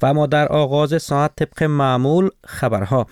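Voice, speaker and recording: Smooth, clear male radio presenter. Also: a little high, darkish tone, no echo, studio quality. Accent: Afghan Dari. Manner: formal. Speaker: radio host and newsreader. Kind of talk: scripted programme presenting and news reading.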